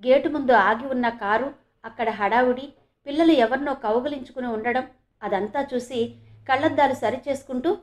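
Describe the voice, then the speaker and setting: A woman reading a story aloud as narrator, in an expressive, emotional way. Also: fairly high pitch.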